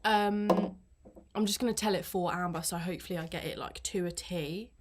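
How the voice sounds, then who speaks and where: A young woman from Britain, a podcast co-host telling school stories in casual chat with quick, giggly bursts. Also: lowish voice. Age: young adult.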